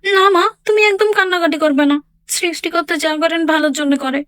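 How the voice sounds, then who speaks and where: A woman's voice: extremely high pitch, fast, a bit bright, no room sound. A woman voicing a caring young village daughter who coaxes and soothes in a doll story drama. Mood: soothing. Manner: soothing, coaxing.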